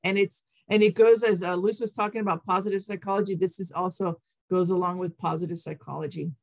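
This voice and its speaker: A woman with a slightly low voice presents an interactive online workshop. She is encouraging and affirms participants as she guides them. The sound is close and dry, from a computer mic. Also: fairly even intonation, fairly quick, gravelly, a little mellow, dry recording. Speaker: teacher trainer, webinar presenter. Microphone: computer mic on an online call.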